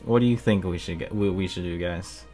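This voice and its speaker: Giggly low-voiced young man. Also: a little fast, warm tone, faint music behind. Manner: giggly, hesitant, often laughing between lines. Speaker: channel host and player. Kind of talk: casual let's-play banter.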